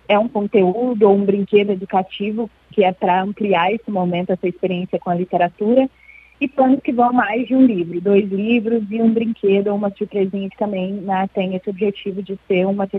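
A woman guest in an interview, explaining at length in a measured way with frequent hesitations. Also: medium pitch, breathy edge, no room sound. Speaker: interview guest, children's book club representative. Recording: thin phone-line sound.

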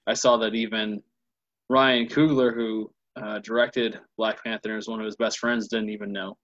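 A man with a fairly low voice co-hosts a casual movie podcast, adding dry, wry remarks. His mic sounds a bit dull and lo-fi. There is no room echo at all. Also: little pitch movement, normal speed, fairly bright tone. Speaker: podcast co-host.

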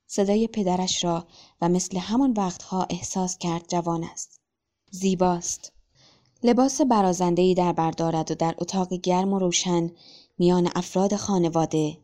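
A woman narrating a short story in a calm, even storytelling manner. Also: lowish voice.

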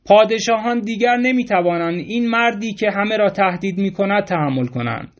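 A man's voice: high-pitched, close to an everyday voice. A man reading the lines of an indignant, mocking aristocratic hostess in a storybook reading. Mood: scornful. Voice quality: indignant, mocking salon talk. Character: scornful aristocratic hostess, woman, middle-aged. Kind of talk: audiobook reading.

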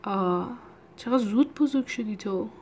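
A woman narrator voicing an affectionate middle-aged father with a warm, fond manner. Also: medium pitch, a little hiss or hum, natural voice.

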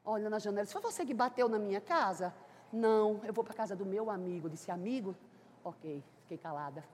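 A woman preacher, giving a sermon full of personal testimony that swings between loud exclamations and hushed storytelling. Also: mid-range voice, lively intonation, a little fast, a little hiss or hum. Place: church. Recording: church hall reverb.

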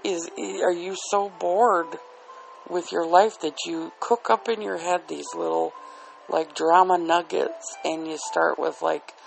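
A man with a slightly high, gravelly voice and a dry throat talks off the cuff as a solo podcast host. He is candid and self-deprecating, drifting through a casual monologue. Relaxing music plays softly behind him. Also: poor audio. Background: soft relaxing music.

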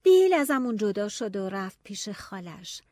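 A woman narrating a novel in the first person, telling it in a lively, expressive way. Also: medium pitch, dry recording, clean studio sound. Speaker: audiobook narrator.

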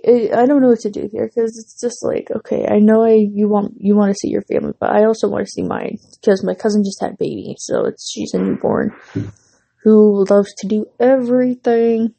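Here a young woman chats alone on her casual podcast, drifting about with lots of fillers and restarts. Her mid-range voice sounds dark, gravelly and husky, stuffed up from a runny nose as she loses her voice. The audio is poor.

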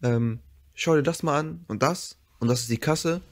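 A man's voice: on the high side, normal speed. A young man chatting on a podcast with friends. He tells his story casually, breaking into laughter and acting out what everyone said. He talks in slang and swears freely. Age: young adult. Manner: laughs often, acts out dialogue with swearing and slang.

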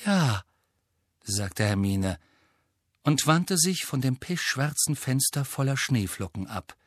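Slow, calm male storybook narrator. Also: mid-range voice, dry recording, studio quality. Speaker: audiobook narrator.

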